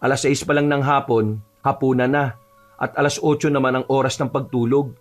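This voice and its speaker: A man's voice: medium pitch, fairly even intonation, a little fast, soft background music. Man narrating a horror story. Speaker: narrator and lead character.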